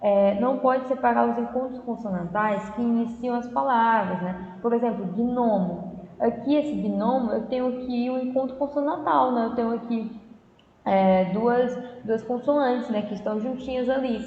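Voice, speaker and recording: A woman teacher with a Brazilian accent explains a lesson patiently, step by step, checking often that her students follow. Her slightly high voice carries a gravelly edge. The recording is dull and lo-fi, in an echoey room with a long reverb tail. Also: normal speed. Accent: Brazilian Portuguese. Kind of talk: remote class lesson. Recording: echoey room, dull lo-fi audio, faint noise.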